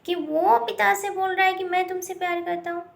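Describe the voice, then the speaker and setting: A woman's voice: very high voice, little pitch movement, fairly quick, vocal fry, voice pushed up. Puzzled, wide-eyed little boy, as a woman narrator reads him. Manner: wondering, puzzled. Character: puzzled, frightened young boy.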